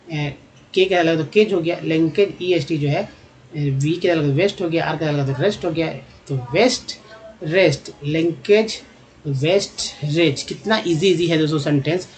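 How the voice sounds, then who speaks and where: Man teaching English phonics, repetitive. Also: fairly high pitch. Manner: repeats words slowly, addresses viewers as friends. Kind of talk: phonics lesson.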